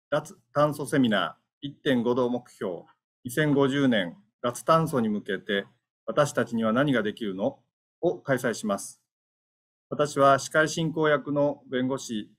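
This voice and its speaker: A man hosts an online seminar as its moderator. He speaks in a formal, polite and measured announcing manner through webinar audio. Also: medium pitch. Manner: polite, measured, keigo-heavy.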